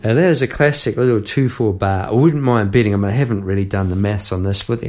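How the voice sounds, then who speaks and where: A lowish voice moving at a quick pace belongs to a middle-aged songwriting podcast host. He rambles in a warm, casual, reflective way, restarting frequently and drifting into asides as a guitar is played.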